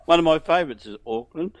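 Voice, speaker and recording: A man's voice: on the high side, expressive, brisk, slight background noise. A man on a podcast panel in casual chat, chuckling and agreeable.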